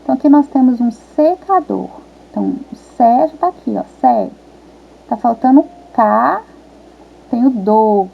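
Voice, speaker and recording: Woman teacher, fairly high voice, patient, sounds out syllables, tinny phone-line audio. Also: expressive, vocal fry, slightly rough. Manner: patient, sounds out syllables slowly and repeats words. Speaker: primary school teacher. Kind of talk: remote lesson walking young children through a worksheet.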